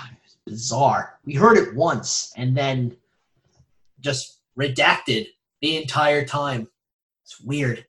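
A man's voice: medium pitch, takes it slowly, fairly bright tone, low-quality recording. A man co-hosting a podcast in casual chat, making wry, dry jokes. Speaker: podcast co-host.

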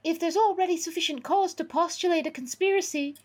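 A woman reading aloud and voicing an overthinking boy wizard in a rushed way, giggling as she reads. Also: extremely high pitch, voice pushed up. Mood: reasoning. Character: self-assured boy wizard, overthinking everything.

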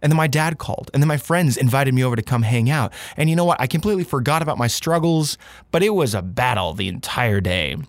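Man, podcast host, medium pitch, chatty, candid, informal, animated emphasis, close dry sound. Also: fast talker, no room sound. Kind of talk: casual personal religious podcast monologue.

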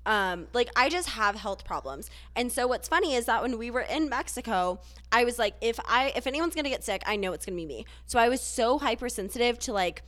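A young podcast co-host, sick and congested, chats casually and tells stories packed with "like" and "um." Her voice is fairly high, expressive, and fairly bright, and she talks briskly.

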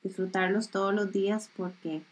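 A woman podcast host interviewing a mother, speaking gently and affirming with frequent backchannel sounds. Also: medium pitch, steady tone, moderate pace, husky, poor audio. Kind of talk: conversational interview.

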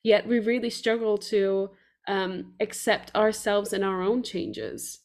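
Woman hosting a chill podcast, medium voice, rambly, thinks out loud a lot. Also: mid-range voice, fairly even intonation, slow. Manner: rambling, loose, lots of fillers and restarts. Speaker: podcast host. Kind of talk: casual podcast conversation.

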